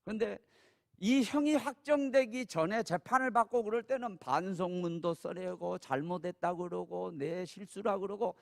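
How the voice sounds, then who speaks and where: A man preaching a sermon as pastor, talking conversationally to the congregation and rising from soft asides to loud, emphatic peaks. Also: high voice, normal speed, creaky. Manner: conversational, asks the congregation "예?" for assent.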